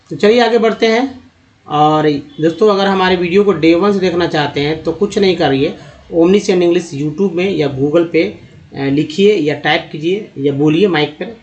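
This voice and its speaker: A man teaching English pronunciation, sounding out words slowly and explaining each vowel sound. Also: on the high side, a little mellow, dull audio. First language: Hindi. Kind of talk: spoken pronunciation lesson.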